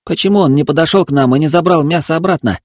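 Man voicing a frightened boy, anxious questions, high voice, dry recording. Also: fast talker, no room sound, natural voice. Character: scared confused young boy.

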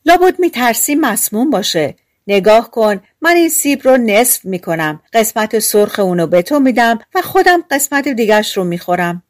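A woman voicing a wicked queen disguised as a peasant woman, coaxing and sly in a loud voice. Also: fairly low pitch, no room sound, studio quality, close to an everyday voice.

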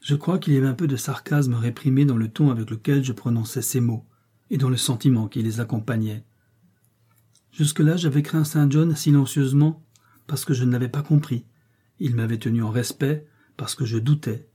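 A man reading a classic novel aloud as an audiobook, in an even, measured way. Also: mid-range voice, husky. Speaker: audiobook reader.

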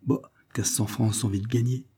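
A man's voice: on the low side, steady tone, moderate pace, vocal fry, dark tone, husky. A man reading the lines of a humble young woman singer from a storybook, pleading and earnest.

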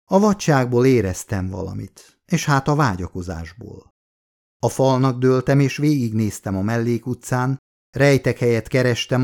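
A man with a fairly low voice reads a literary novel aloud in the first person. His narration is measured and expressive, paced for an audiobook. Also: vocal fry.

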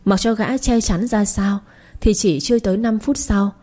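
A woman narrating a dramatic story in a steady, scripted reading. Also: mid-range voice, moderate pace.

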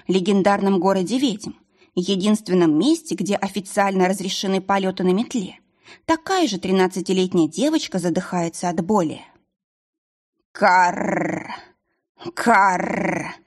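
Husky woman narrating an audiobook. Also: mid-range voice. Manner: measured, expressive storytelling.

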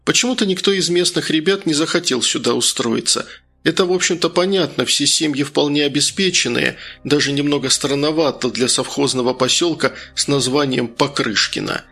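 A man calmly narrating a story aloud. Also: fairly high pitch, a little fast, creaky. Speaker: audiobook narrator. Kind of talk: scripted narration.

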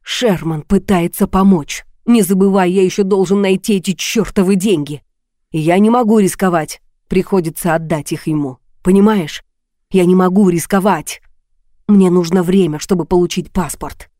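A woman's voice: lowish voice, normal speed, dark tone, no echo, clean studio sound, natural voice. A woman reading an audiobook, voicing an angry, jealous young man who speaks harshly and accusingly.

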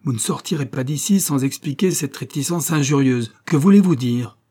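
A man's voice: mid-range voice, normal speed, natural voice. A man voicing a proud middle-aged nobleman who turns indignant and raises his voice in an audiobook scene. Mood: furious. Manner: indignant, hoarse shouting.

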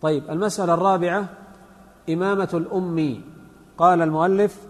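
A man's voice: sits high, steady tone, quick pace. A man, a sheikh, giving a religious lecture on Islamic law, patiently explaining points and reciting examples. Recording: long hall reverb.

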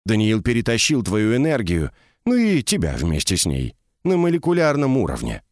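A man's voice: on the low side, huge pitch swings, normal speed, no room sound, studio quality. A man reading the part of an ancient male mage who talks in a mocking, teasing way, in an audiobook. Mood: explaining.

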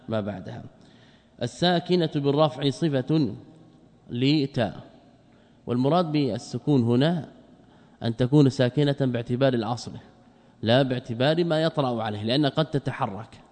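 A male scholar giving a classical grammar lecture, asking rhetorical questions and answering them himself, and repeating key words slowly for emphasis. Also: medium pitch, a little mellow. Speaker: Islamic scholar teaching grammar. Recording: long hall reverb.

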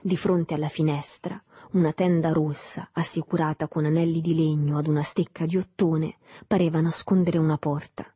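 Husky low-voiced woman reading a novel. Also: little pitch movement, normal speed, few pauses, mellow, no room sound. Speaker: audiobook reader. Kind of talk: literary audiobook narration.

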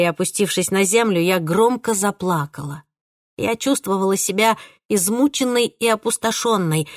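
A woman giving an emotional, expressive first-person audiobook reading. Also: mid-range voice, dry recording, studio quality. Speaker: audiobook narrator.

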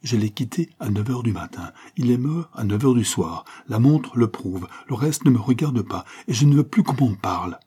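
A sickly young man snaps back with bitter, curt resentment, as a man reads him in an audiobook. His voice is low, husky and dark-toned. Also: a little fast, few pauses. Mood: hostile.

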